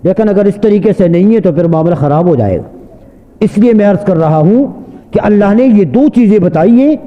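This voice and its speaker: A man's voice: high voice, animated. A man, a mufti, preaching earnestly to an audience, asking repeated rhetorical questions. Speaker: mufti giving a talk. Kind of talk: sermon. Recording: dull lo-fi sound with long hall reverb.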